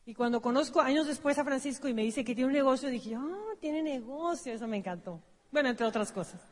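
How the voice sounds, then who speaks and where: A woman's voice: high-pitched, fairly quick, darkish tone. A woman with a Mexican accent presenting a business seminar, telling her story casually with self-corrections. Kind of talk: personal storytelling on stage. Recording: long hall reverb.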